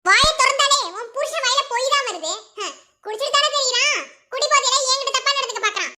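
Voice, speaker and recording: A very high, bright and quick cartoon voice of a scheming young woman, voiced by a woman. She speaks with a Madurai Tamil accent and mocks and accuses in rapid bursts. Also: heavily acted. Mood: mocking. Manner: mocking, accusing, quick retorts. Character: sharp-tongued young woman, the sister-in-law who stirs trouble.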